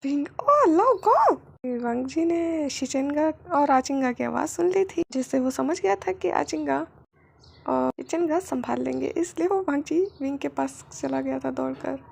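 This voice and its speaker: Brief: woman storyteller reading fan fiction, high pitch, strong vocal fry. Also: normal speed, dark tone.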